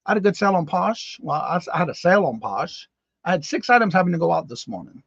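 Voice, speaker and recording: A man's voice: high-pitched, very animated, fast talker, vocal fry, fairly bright tone, slightly rough, dry recording, lo-fi sound. A man in his fifties hosting a casual live-stream morning show, chatting with viewers by name and exclaiming in disbelief. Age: 50s. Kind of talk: casual live-stream chat reading comments.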